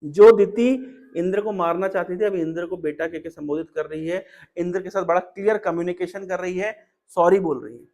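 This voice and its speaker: In a storytelling devotional sermon, a man preaches emphatically in a notably high voice that is a little mellow. At a moderate pace, he repeats key phrases and puts rhetorical questions to those listening.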